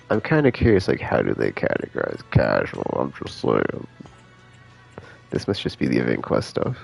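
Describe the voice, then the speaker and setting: Rumbling low with vocal fry and a breathy edge, a man rambles casually through live game stream commentary. He thinks aloud in a laid-back, slangy way, indoors, with game music playing behind him.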